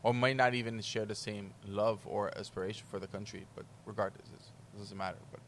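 A man's voice: lowish voice, steady tone, a little fast, a bit bright, a little hiss or hum. A man from Hispaniola, a podcast guest talking casually and explaining things at length, with lots of "like". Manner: rambling explanations peppered with "like".

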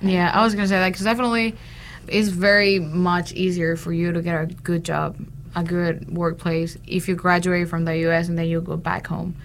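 Gravelly young woman from Honduras. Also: on the low side, level tone, normal speed, a little hiss or hum. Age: young adult. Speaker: interview guest, international student. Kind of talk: casual interview chat.

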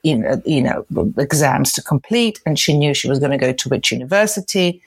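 A woman's voice: low-pitched, lively intonation, fairly quick, slightly rough, no room sound. A middle-aged woman, telling her story in a rambling, chatty way as a podcast guest. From Croatia. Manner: chatty and rambling, with restarts and laughs. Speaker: guest, hair and makeup designer. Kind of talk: casual interview storytelling.

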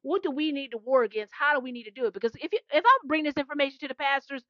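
A woman's voice: high-pitched, expressive, racing, dry recording, lo-fi sound. A woman who calls herself a prophetess, preaching with fervent, repetitive energy and call-and-response asides. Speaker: self-described prophetess. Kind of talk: impassioned preaching monologue.

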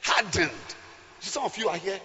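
A man with a West African accent preaching a fiery, animated sermon, emphatic and repetitive, swinging from shouts to hushed asides. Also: sits high, moderate pace. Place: large indoor church hall. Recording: echoey hall, slightly dull sound.

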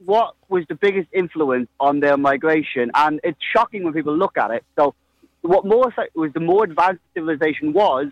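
A man with a fairly high voice in a heated debate. He sounds earnest and challenging as he presses his argument, recorded dry with little room sound. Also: moderate pace, dry recording, lo-fi sound. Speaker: climate activist guest.

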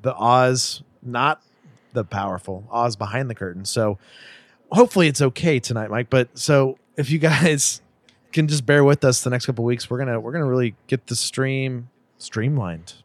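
A man's voice: mid-range voice, moderate pace, no room sound. A man co-hosting a casual podcast, chatting in an easygoing, joking way. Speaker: podcast co-host.

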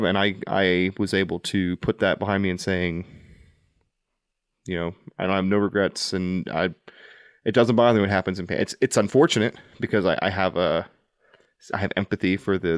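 Low-voiced reflective male veteran host. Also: steady tone, moderate pace, no room sound, clean studio sound. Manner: earnest, reflective, with restarts. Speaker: podcast host, Army veteran. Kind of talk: casual conversational interview.

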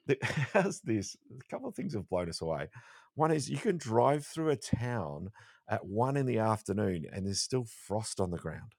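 Aussie guy podcasting, really low voice, dry close sound, chatty storyteller. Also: normal speed, no room sound. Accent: Australian. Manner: chatty storyteller, animated and jokey. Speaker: podcast co-host. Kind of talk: casual chat.

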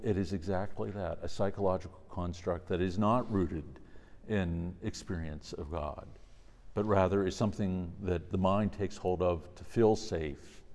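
Low-voiced priest in a long, echoing reverb. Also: male voice, dark tone. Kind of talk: religious lecture and prayer. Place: large reverberant indoor room. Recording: echoey hall with long reverb.

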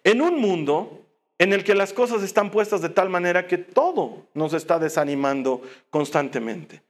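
High-voiced man preaching earnestly. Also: normal speed. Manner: earnest, fires rhetorical questions at listeners. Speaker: pastor. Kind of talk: sermon.

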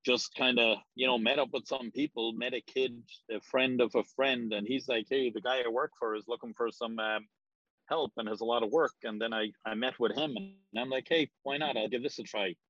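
This guest from Ireland works in real estate and is in his forties; he meanders through his interview answers, hesitating often and saying "um" a lot. His voice sits in the mid range with fairly even intonation, a moderate pace and a fairly bright tone. There's no room sound, though the audio is dull and lo-fi.

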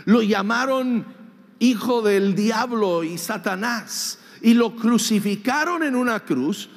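A man preaching a sermon as pastor, animated and emphatic, sometimes mimicking whiny voices and shouting for emphasis. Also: high-pitched, creaky. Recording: long hall reverb.

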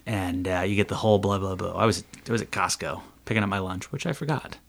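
Deep gravelly guy on a podcast, jokey, sarcastic, talks loose and fast. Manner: chatty, sarcastic, laughs at own jokes. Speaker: city council candidate. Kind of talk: podcast interview, casual.

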